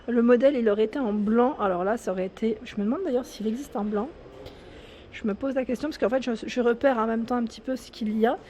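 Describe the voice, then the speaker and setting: Speaking quickly in a dark-toned voice on the high side, a French-accented shopping vlogger gives a casual walkthrough of a large indoor home improvement store. She chats with enthusiasm and reads out prices and sizes, with a little hiss or hum in the background.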